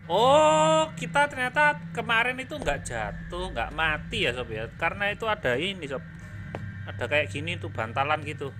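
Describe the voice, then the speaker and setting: A man streaming a horror game live, chatty and apologetic, breaking into startled shouts. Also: high-pitched, lively intonation, normal speed. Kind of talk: live gameplay commentary. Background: game music.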